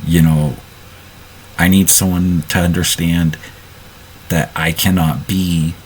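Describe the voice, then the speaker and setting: A man casually narrating his moves in a role-play, often halting and restarting his sentences. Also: sits low, flat delivery, slight background noise, rough recording.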